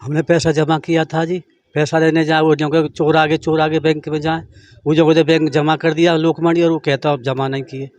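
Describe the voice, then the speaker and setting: A man interviewed as a fraud victim, speaking in halting, broken rural phrases. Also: on the high side, level tone, darkish tone, dry recording.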